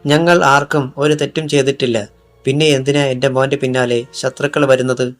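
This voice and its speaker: A man's voice: mid-range voice, level tone, normal speed, faint music behind, natural voice. A man reading a tearful old mother. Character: tearful aging mother fearing for her son.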